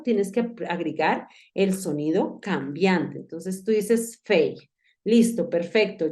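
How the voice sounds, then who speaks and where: A woman's voice: medium pitch, warm tone. Patient woman teaching English. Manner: patient, explanatory, addresses the student directly and repeats key steps. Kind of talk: online lesson.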